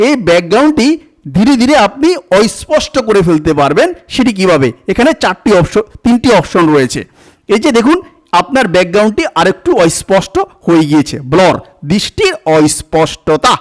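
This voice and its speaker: A man with a Bangladeshi Bengali accent giving a software tutorial, explaining step by step and often repeating himself. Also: high voice. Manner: repetitive, stepwise explaining with frequent "look here". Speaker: tutorial instructor. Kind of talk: screen-recorded software tutorial.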